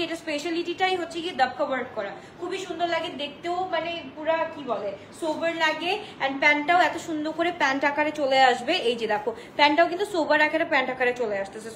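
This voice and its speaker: A woman from Bangladesh hosting a live dress sale from home, talking loudly and chattily, mixing English phrases into her talk and reading out viewer comments. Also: high-pitched, echoey room, slight background noise, poor audio. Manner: chatty, mixes English into Bengali, addresses viewers as apu; talks loudly on purpose. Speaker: online dress seller. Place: indoors, home.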